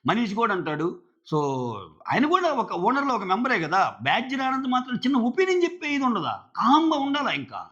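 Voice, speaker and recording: A man with a Telugu accent reviewing a reality show in casual commentary, animated and opinionated, retelling the housemates' quarrels in quick asides. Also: very high-pitched, dull audio.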